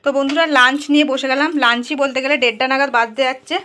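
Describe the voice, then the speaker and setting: A fast-talking woman with a slightly high voice, chatting casually to her viewers as she cooks in a home kitchen. A faint noise sits under her voice. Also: steady tone, sharp tone. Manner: chatty, talks straight to viewers. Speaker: vlogger. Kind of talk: casual home vlog narration.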